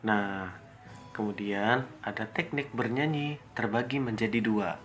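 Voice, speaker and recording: A young male teacher giving a lesson to children, explaining singing technique step by step and singing short example phrases slowly. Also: lowish voice, a bit bright, faint music behind.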